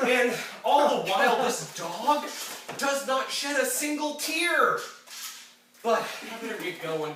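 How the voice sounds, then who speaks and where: A man on stage playing a tearful, self-pitying alien henchman in a rambling comic monologue, recorded from far off in a theatre. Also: very high voice. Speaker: stage actor. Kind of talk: live stage comedy acting. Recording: echoey theatre from far off, noisy.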